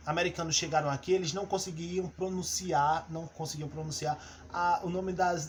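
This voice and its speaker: A teacher from Brazil walks through his lesson one step at a time in this class recording. His voice sits a little high, some faint noise runs behind it, and he hesitates with fillers and restarts.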